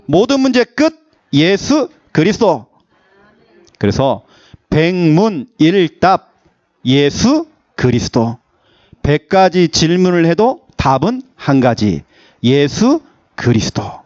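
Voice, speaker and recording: A man's voice: a little high, no room sound, highs cut off. A man preaching a Sunday sermon as pastor, in a playful, joking manner. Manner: animated, playful preaching with jokes. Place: church service.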